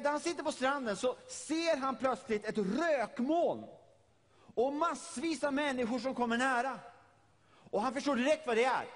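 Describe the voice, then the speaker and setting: A man's voice: very high voice, long reverb tail. A middle-aged man from Sweden preaching a sermon, retelling a story vividly and often repeating his words.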